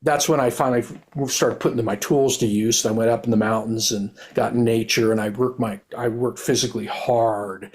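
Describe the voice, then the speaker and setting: A man's voice: fairly low pitch, darkish tone, breathy edge. Earnest retired cop telling his story. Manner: rambling, earnest, self-correcting restarts. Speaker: guest, retired police officer and author. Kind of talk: candid conversational storytelling.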